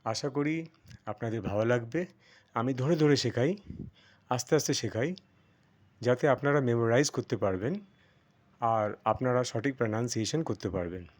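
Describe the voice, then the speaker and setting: A man's voice: medium pitch, moderate pace, pauses often, darkish tone. A man teaching a spoken English lesson step by step, repeating words and drawing their sounds out. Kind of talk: slow step-by-step pronunciation lesson.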